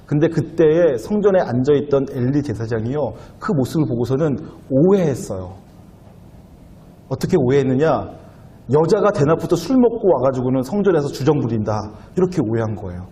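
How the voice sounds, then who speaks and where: A man's voice: mid-range voice, very animated, a little fast, mellow, slight background noise. A young adult male pastor giving a sermon in a conversational way, asking the listeners questions and acting out quoted lines in a raised voice. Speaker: youth pastor.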